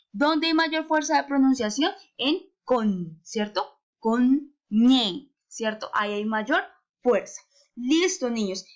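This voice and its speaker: In a recorded remote lesson for children, a patient woman who teaches primary school speaks at a fairly high pitch. She asks frequent rhetorical questions and stretches words to emphasize their syllables.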